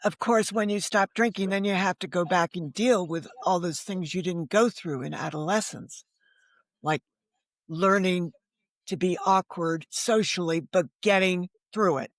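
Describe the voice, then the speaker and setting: An American woman of about seventy from Connecticut is an interview guest, telling candid stories in an emphatic, anecdotal way and tossing in rhetorical tag questions. Her voice is lowish and measured, recorded dry.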